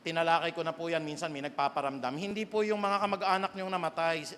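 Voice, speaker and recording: A man with a Filipino accent, preaching a sermon as pastor, swinging from quiet storytelling to loud emphatic calls. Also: a little high, fairly even intonation, fast talker, big-room sound, a little hiss or hum. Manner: preaches in Tagalog with English phrases, rising to loud emphatic calls. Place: church sanctuary.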